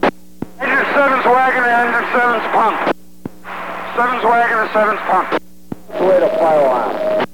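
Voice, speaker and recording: A man making urgent firefighter radio calls from a fire scene, giving clipped orders with halting pauses over a two-way radio. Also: extremely high pitch. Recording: noisy emergency radio with hum. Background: hum and radio noise.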